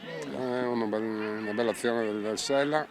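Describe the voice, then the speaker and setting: A man commentates live on amateur football in a medium-pitched voice. He mixes play-by-play with casual remarks and often restarts his phrases. He is outdoors, with clear crowd noise behind him. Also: moderate pace. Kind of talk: live match commentary mixed with casual chat.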